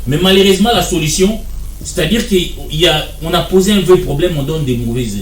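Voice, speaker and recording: A man's voice: a little high, a little fast, reverberant, distant mic, slight background noise. A man, arguing as a guest in a televised political debate, insistent and repeating his points. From Democratic Republic of the Congo.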